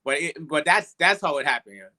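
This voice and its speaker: A man's voice: a little high, brisk. A man with a Bermudian accent chatting casually as a musician guest, retelling exchanges by acting out the dialogue. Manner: animated retelling with quoted dialogue. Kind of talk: casual interview chat, storytelling.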